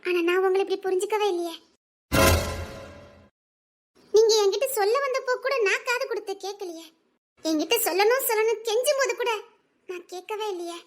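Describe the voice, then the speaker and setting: A woman's voice: very high-pitched, fast. An actress playing a remorseful young wife and college student, speaking tearfully with her voice breaking into shaky laughs. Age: young adult. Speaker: young wife in a drama series. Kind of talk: emotional drama acting.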